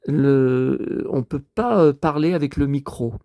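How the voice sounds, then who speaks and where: A man's voice: mid-range voice, slow, vocal fry, dark tone, dry recording, studio quality. A man vlogging casually to his viewers, rambling and muttering with mild swearing as he talks from home in front of a TV.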